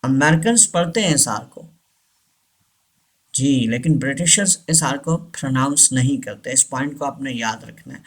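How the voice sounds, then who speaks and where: A man teaching English pronunciation, switching between Hindi-Urdu and English and repeating each word slowly. His first language is Hindi-Urdu. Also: mid-range voice. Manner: mixes Hindi-Urdu and English, slow deliberate repetitions. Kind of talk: slow spoken language lesson.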